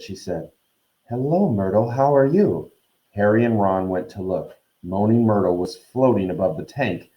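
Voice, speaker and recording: A man's voice: fairly low pitch, dark tone, reverberant, rough recording. A man teacher reading a novel aloud to his class, friendly, acting out the characters' lines. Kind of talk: read-aloud storytelling.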